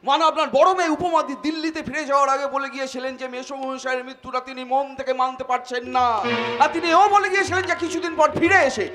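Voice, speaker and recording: A man's voice: very high voice, racing, pushed and bright. An actor playing an anxious young male relative with an urgent, earnest stage delivery, in live folk-theatre acting. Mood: reporting. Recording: live stage mic with music behind.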